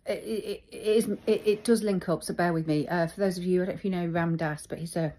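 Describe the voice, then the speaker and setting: A middle-aged woman talking reflectively about her feelings, thoughtful and halting as she searches for words. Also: lowish voice, steady tone, mellow. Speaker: vlogger. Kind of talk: reflective personal talk.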